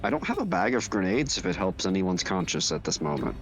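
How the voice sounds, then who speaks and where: A man's voice: low voice, sing-song, a little fast, faint music behind. A man playing a tabletop game, making dry jokes in casual chat over voice chat. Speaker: player.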